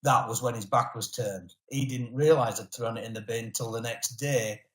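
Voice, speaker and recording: A man's voice: mid-range voice, fairly even intonation, normal speed. A man, giving a motivational webinar talk as a network marketing presenter, telling his personal story earnestly. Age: 40s. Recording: roomy echo.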